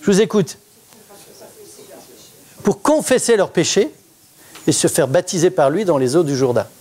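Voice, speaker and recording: High-voiced man preaching to his church. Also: moderate pace. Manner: interactive, asks the congregation questions; lively, conversational preaching. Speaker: pastor. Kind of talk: sermon.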